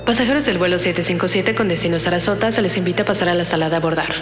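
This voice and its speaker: A woman playing a brisk, impersonal airline announcer calling passengers over a public-address system. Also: lowish voice. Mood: brisk, formal. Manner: flight attendant style public announcement. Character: brisk, impersonal female airport boarding announcer. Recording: dull, echoing airport loudspeaker with music.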